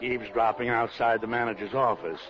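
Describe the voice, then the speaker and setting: An actor playing a smooth, pompous, sly older thief with ornate diction in an old radio crime drama. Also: male voice, medium pitch, fairly even intonation, brisk, noisy background, lightly acted. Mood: suave, smug. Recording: dull lo-fi vintage radio recording.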